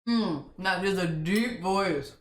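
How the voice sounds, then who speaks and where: A woman's voice: fairly low pitch, slow. A woman in the room with a streamer, chatting casually and teasing him from away from the microphone. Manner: teasing, joking. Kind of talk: casual chat. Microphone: distant from the stream mic. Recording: off-mic in an echoey room.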